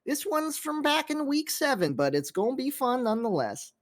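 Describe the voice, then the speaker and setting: A woman's voice: high-pitched, normal speed. A woman hosting a video game match cast, calling the draft and the play step by step. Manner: steady play-by-play, calls the draft and action. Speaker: host caster. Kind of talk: esports play-by-play.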